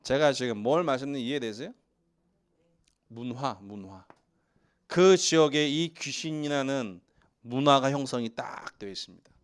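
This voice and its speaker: A man's voice: medium pitch, moderate pace, long pauses, clear, resonant tone. A male pastor from Seoul preaching a sermon in a church and joking with the congregation. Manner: joking with the congregation, lively asides. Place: church sanctuary.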